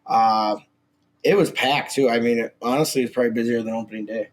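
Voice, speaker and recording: A Minnesota man in his twenties co-hosts a casual sports podcast, talking brashly with plenty of fillers and swearing. His mid-range voice is slightly scratchy, with a steady tone and a brisk pace.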